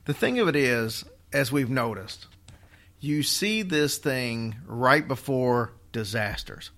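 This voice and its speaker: A man with a medium-pitched, somewhat bright voice hosts a relaxed storytelling show, speaking slowly but animatedly. His humor is wry, and his half-numb mouth leaves him slightly slurred, with the occasional whistle or lip smack.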